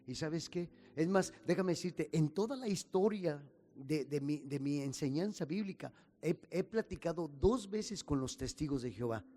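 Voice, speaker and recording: A man's voice: fairly high pitch, expressive, normal speed. A man, a pastor preaching a folksy sermon and praying, often calling listeners "little brother" and restarting his words. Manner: warm, folksy, calls listeners "hermanito", frequent restarts. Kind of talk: sermon and closing prayer.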